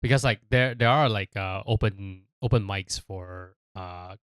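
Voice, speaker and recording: A Malaysian podcast host explains things in a casual, rambling way, frequently checking in with "right?" and "you know." His voice is fairly low, unhurried, and smooth, recorded in clean studio sound with no room sound.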